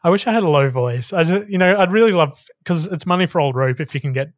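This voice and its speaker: A man's voice: a little high, lively intonation, fast, dry recording, clean studio sound. A man co-hosting a podcast in a playful, giggly casual chat. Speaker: podcast co-host.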